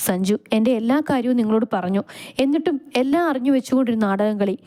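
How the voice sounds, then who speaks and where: A woman's voice: on the high side, fast talker, dark tone, pitched above the performer's own voice, natural voice. A woman voicing a proud young woman employee who speaks in a defiant, indignant way.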